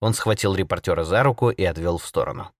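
A man narrating an audiobook with an expressive, dramatic reading. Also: low-pitched, fast, dry recording, studio quality.

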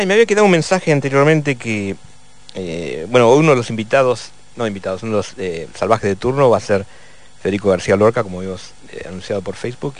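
A man with an Argentine accent hosting a casual radio chat, reading listener messages in a relaxed way with small laughs. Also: on the low side. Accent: Argentine Spanish. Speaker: radio host.

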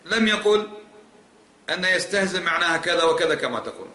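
A man's voice: a little high, animated, quick pace, bright, forceful tone. A man teaching a lesson on creed, pressing his points with emphatic rhetorical questions. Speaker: religious teacher. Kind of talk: lecture on creed. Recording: echoey hall.

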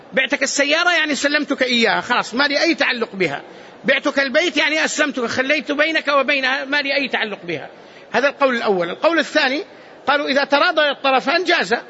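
A man's voice: very high-pitched, expressive, racing, pushed and bright, dull audio. A sheikh giving a lecture on hadith in a mosque, explaining points patiently, repeating key phrases and checking that his listeners follow. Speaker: sheikh teaching hadith commentary.

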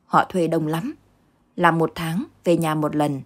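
A woman narrating a ghost story in a steady, dramatic reading. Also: deep voice, measured pace. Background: faint background music.

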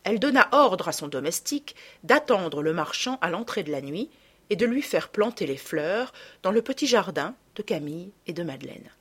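A woman narrating a children's story in an expressive, measured reading voice. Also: lowish voice, breathy edge. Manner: expressive, drops softer for asides. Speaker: storybook reader.

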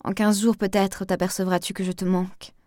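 Brief: woman narrator doing an intense, reproachful young woman in love, a touch higher and louder, dry close sound. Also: level tone, a little fast, no echo, close to an everyday voice. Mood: clinging. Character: jealous young woman pleading with her lover.

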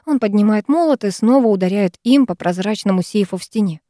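Dark-voiced woman reading a dramatic story. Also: mid-range voice, animated, a little fast, dry recording, clean studio sound. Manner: dramatic, emotive. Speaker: audiobook narrator. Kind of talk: first-person fiction reading.

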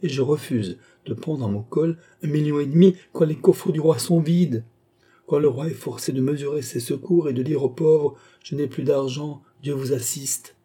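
A dignified young queen speaks with earnest resolve in a storybook reading, voiced by a man. The tone is dark and mellow, with a husky grain. Her lines come steady and measured. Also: on the high side, pitched above the performer's own voice. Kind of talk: audiobook reading.

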